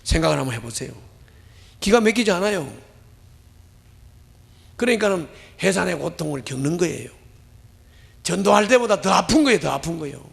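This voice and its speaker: A man preaching a passionate sermon with a high, gravelly voice. He swings from loud, pleading bursts to near-whispered asides. The long reverb of a church sanctuary trails every phrase. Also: big pitch swings, brisk, long pauses. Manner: emotional, swings between loud outbursts and hushed lines. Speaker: pastor. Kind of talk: impassioned sermon.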